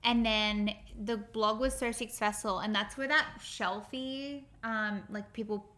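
A woman's voice: mid-range voice, fairly even intonation, a little slow, pushed and bright. A woman in her thirties with a distinctive nasal voice, co-hosting a podcast in casual chat. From Australia. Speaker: podcast co-host.

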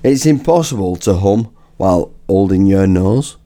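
A man's voice: low voice, animated, normal speed, mellow. A man co-hosting a podcast in crude, casual banter, reading list items aloud and laughing often. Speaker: podcast co-host.

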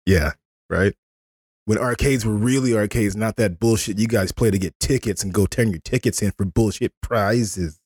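A man's voice: on the low side, normal speed, a little mellow, slightly rough, no echo, clean studio sound. A man in his thirties hosting a casual podcast chat, loose and profane, laughing often. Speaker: podcast host.

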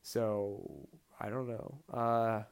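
A young man co-hosting a podcast in casual sports chat, often trailing off and unsure, and getting louder when he argues his pick. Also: on the low side, very slow, creaky, clear, resonant tone. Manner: hesitant, trailing off, then heated when arguing. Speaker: podcast co-host.

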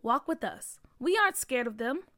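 A high, lively young schoolboy voice, curious and eager about everything, as a woman storyteller puts him on. The tone is bright and bouncy. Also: normal speed, exaggerated voice. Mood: reassuring. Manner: excited, then gently reassuring.

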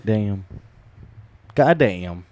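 A man's voice: fairly low pitch, lively intonation, drawn-out words, a little mellow. A young man on a podcast trading casual, slangy jokes with friends. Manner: slangy, joking.

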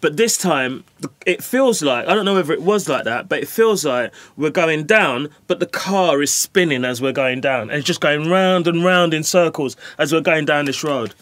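A middle-aged man, a guest telling his story in a lively, casual way and often asking "you know what I mean". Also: fairly high pitch, moderate pace, hardly any pauses, dry recording.

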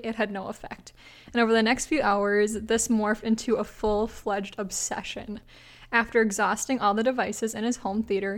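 A woman co-hosting a casual podcast, reading listener stories aloud in an easygoing, chatty way and laughing often. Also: on the high side. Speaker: podcast co-host.

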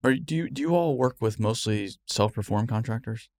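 A man hosts a casual interview with a lively, swinging voice, joking and acting out what others said. His voice sits mid-range, recorded dry and close. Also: medium pitch, a little fast, no room sound. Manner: animated, joking, acts out quotes. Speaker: podcast host.

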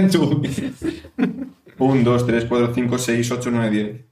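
A man's voice: medium pitch, mellow, far from the mic, slight background noise. A man under hypnosis, answering in a drowsy, hesitant way. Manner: drowsy, hesitant, slow counting. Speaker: guest being hypnotized. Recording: roomy, off-mic.

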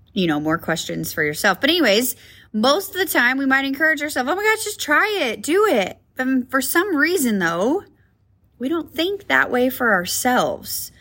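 A woman's voice: on the low side, sharp tone. A young adult woman hosting a motivational podcast, talking in a chatty, encouraging way with frequent fillers and restarts. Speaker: podcast host. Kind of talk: casual motivational podcast talk.

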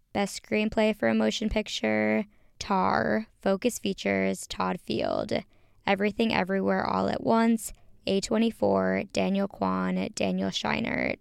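A woman's voice: medium pitch, vocal fry, smooth, no room sound, studio quality. A young woman hosting a casual solo podcast, chatting directly to her listeners, recorded in a small closet at home. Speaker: podcast host.

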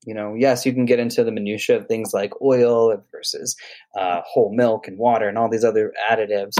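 A man's voice: fairly low pitch, a little fast. Easygoing man talking about cooking. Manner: relaxed, rambling, enthusiastic about food. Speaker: private chef. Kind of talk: casual conversation.

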